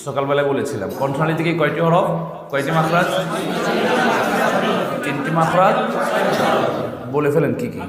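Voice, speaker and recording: A man's voice: on the high side, moderate pace, pauses often, over a noisy crowd. A man teaching Quran pronunciation to a class, asking his students questions and modelling corrections. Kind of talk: classroom lecture on tajweed. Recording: echoey hall with long reverb.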